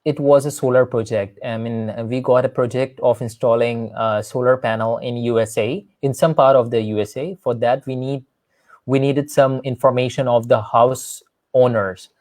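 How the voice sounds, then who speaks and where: A Pakistani English teacher speaks earnestly in a casual conversation, often restarting his thoughts with "I mean." His mid-range voice is steady and darkish, delivered at normal speed in a clean, echo-free studio recording.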